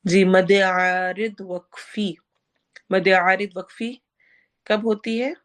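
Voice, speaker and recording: A woman teacher, giving a tajweed lesson on Quran recitation. She talks at an unhurried pace and her voice sits at a middle pitch. She lingers over each recited word and keeps putting questions to her students. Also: fairly even intonation. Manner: slow and explanatory, drawing out recited words syllable by syllable; asks the class questions and answers them herself.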